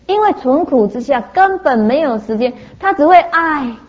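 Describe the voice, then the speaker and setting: Woman, Buddhist teacher, highish voice, storytelling sermon, lo-fi sound. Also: normal speed. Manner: lively anecdotal telling, frequent "ah" fillers.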